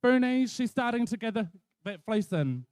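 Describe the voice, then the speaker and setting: A man's voice: extremely high pitch, animated, moderate pace, a little mellow, clean tone, no echo, studio quality. A man with a Maori New Zealand accent giving colloquial live competition commentary, full of repeated catchphrases.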